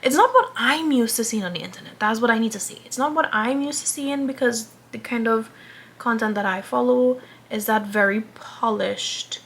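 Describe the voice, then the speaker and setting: Doing her makeup on camera, a woman in her twenties rambles in a casual vlog, interrupting herself and now and then whispering. She speaks at a moderate pace in a slightly high, creaky, fairly bright voice, over a little hiss or hum.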